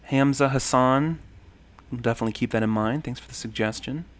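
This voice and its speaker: A man in his thirties runs a casual livestream, his medium-pitched voice brisk, with a little hiss or hum in the background. Reading comments as they come, he rambles warmly, saying lots of ums and thank-yous.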